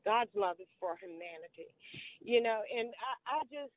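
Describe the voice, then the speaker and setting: A woman's voice: medium pitch, animated, normal speed, no echo. A middle-aged woman calling in to a radio show over the phone, speaking earnestly and hesitantly with frequent ums. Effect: heard over a phone line. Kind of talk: call-in conversation. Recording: tinny phone line.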